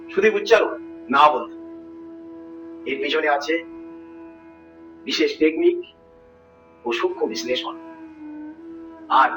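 A male teacher from West Bengal giving a grammar lesson, asking his students questions and explaining step by step. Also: a little high. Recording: roomy, distant, dull sound with music behind.

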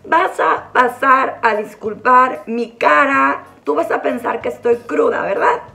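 Woman, 40s, hoarse, high-pitched, playful casual vlog chat. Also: measured pace, bright, forceful tone, faint music behind. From Sinaloa, Mexico. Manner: playful, teasing, theatrical greetings. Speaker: vlogger host.

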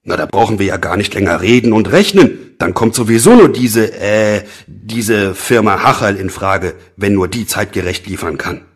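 A man playing a brisk, excitable office boss with emphatic, theatrical delivery in a scripted lesson dialogue. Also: on the low side, slightly rough. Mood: impatient.

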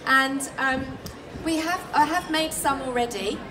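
A chatty English woman talks through a cooking demo, full of ums and restarts. Her slightly high voice comes from a distance. Outdoor noise sits behind her. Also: a little slow. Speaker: cookery demonstrator and nutritionist. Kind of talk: live cooking demonstration. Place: outdoor festival demo kitchen stall. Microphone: filmed from the crowd by a far camera.

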